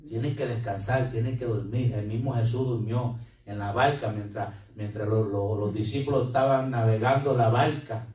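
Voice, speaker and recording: Pastor preaching in an echoey hall. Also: male voice, mid-range voice, fairly even intonation, moderate pace, darkish tone. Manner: preaching with Spanish-English code-switching. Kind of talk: sermon. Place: church hall with congregation. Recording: echoey room, mic from a distance.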